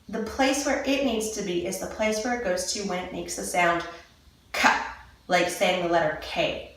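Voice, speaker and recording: A woman movement coach giving a casual lesson and slowly demonstrating mouth sounds. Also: medium pitch, a bit bright. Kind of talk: casual instructional talk. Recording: echoey room, mic at a distance.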